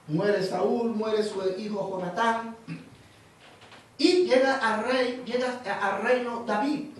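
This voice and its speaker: Panamanian man, preacher, very high voice, animated storytelling, booming echo, distant mic. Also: a little hiss or hum. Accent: Panamanian Spanish. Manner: animated storytelling, repeats words, acts out voices. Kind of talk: sermon.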